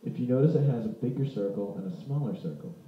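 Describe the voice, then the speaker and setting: Here a vlogger presents vintage audio gear indoors, talking quickly in a fairly low, sing-song voice over slight background noise. His unscripted demo is loose and rambling, full of self-corrections in a hobbyist style. The home recording comes across roomy and a bit muffled.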